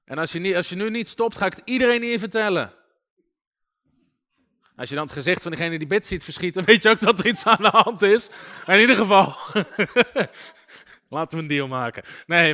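A man preaching in a casual, storytelling way, with a bright, forceful tone and a somewhat high voice. He keeps things lively and funny, full of little asides as he teaches his listeners. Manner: lively and humorous, often chuckling and using fillers like "weet je". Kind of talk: informal sermon with anecdotes.

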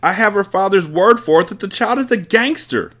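A man reading aloud and voicing a huge, bullying headmistress who barks and shouts with contempt. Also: high-pitched, lively intonation, brisk, pitched above the performer's own voice. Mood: bellowing scornful. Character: bullying hulking female headmistress, furious.

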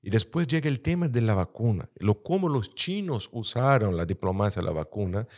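Low-voiced man speaking Portuguese-tinged Spanish, portuñol. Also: very animated, brisk. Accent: Portuguese-influenced Spanish, Brazilian. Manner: mixes Portuguese into Spanish, searching for words. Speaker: political commentator. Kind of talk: conversational political analysis.

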